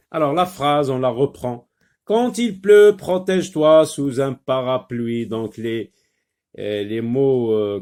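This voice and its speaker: Slow, patient man teaching reading. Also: lowish voice, darkish tone. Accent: Maghrebi French. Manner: slow, patient, sounds out syllables. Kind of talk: reading lesson.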